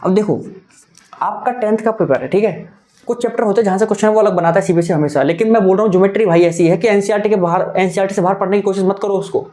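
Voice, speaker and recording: A man's voice: high voice, quick pace, dark tone. A young adult man teaching a maths exam-prep lesson, talking in a coaxing, repetitive way and mixing in English terms.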